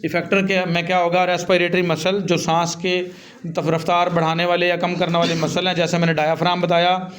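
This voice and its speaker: A man with a slightly raised pitch gives a classroom lecture. He reads English sentences slowly, then explains them in a tinged way of speaking. He keeps addressing his students as "beta" and answers his own questions. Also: level tone, a bit bright, slight background noise. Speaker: teacher.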